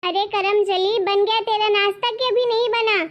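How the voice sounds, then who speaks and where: Voicing an insulting mother-in-law in a cartoon story, this woman scolds in a shrill, harsh way. She keeps a steady tone at normal speed, and the recording sounds muffled.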